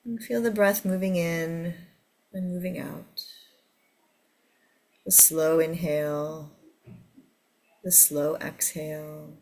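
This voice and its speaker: A woman teaching a guided meditation to a seated group in a soothing, gentle way. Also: deep voice, fairly even intonation, slow, long pauses.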